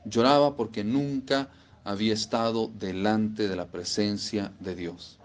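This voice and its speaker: A man's voice: on the low side, fairly even intonation, unhurried. A man preaching a sermon, emphatic and repeating phrases for stress.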